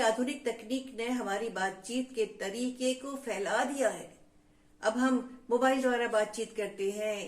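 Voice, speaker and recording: Slow, teacherly woman storyteller for kids, echoey room. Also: fairly high pitch. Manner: teacherly, addresses listeners as friends. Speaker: storyteller for children. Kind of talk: children's storytelling lesson. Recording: roomy echo.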